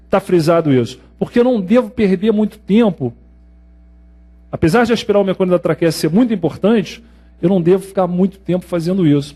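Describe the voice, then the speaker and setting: A man with a Brazilian Portuguese accent giving an exam-prep medical lecture, telling stories and acting out scenes as he teaches. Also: high voice. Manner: lively storytelling, acts out scenes. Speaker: pediatrics lecturer.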